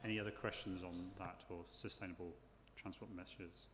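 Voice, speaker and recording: A man presides over a formal hearing with a fairly low voice. He feels his way through questions, repeating words. The room is echoey and there is noise behind him. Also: little pitch movement, fairly quick, fairly bright tone. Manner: hesitant, often repeating words as he phrases questions. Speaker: planning inspector chairing an inquiry. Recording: echoey hall with clear background noise.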